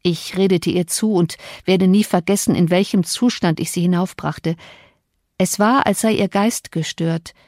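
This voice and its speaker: A woman narrating an audiobook in an even, measured reading. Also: on the low side, no echo, clean studio sound. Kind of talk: scripted narration.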